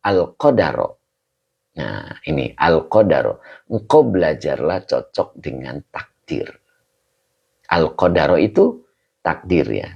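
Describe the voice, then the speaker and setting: Male religious teacher, deep gravelly voice, patient with students on a lo-fi call. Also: darkish tone. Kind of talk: online kitab class. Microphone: video call. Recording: dull lo-fi call audio.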